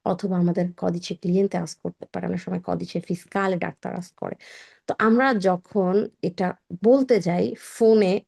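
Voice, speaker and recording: A woman teaching Italian, her first language Bengali. She speaks slowly and with care, saying each word twice so learners can follow. Her voice is mellow and darkish, and her pitch sits in a middle range. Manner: slow, careful, repeats each word twice for practice.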